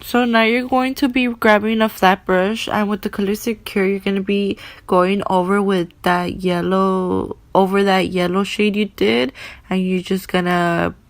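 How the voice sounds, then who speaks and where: A woman's voice: medium pitch, little pitch movement, unhurried, slight background noise. A young woman casually narrating a makeup tutorial as a beauty vlogger, speaking with her mouth held slightly open around braces.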